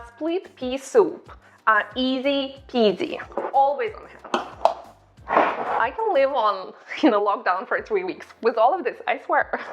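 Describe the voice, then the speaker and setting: In her home kitchen, a chatty, upbeat woman with a Ukrainian accent shows viewers her cooking staples in a casual demonstration to camera as a cooking channel host. Her high voice comes across a bit bright, her phrasing slightly non-native, and the recording is slightly dull and lo-fi.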